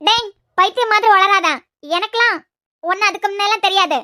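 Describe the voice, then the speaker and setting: A sharp-tongued young cartoon heroine snaps back in a very high, piercing voice with a Kanyakumari Tamil accent. A woman voices her in a web cartoon series. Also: fairly quick. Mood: defiant. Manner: scolding, high-pitched retorts.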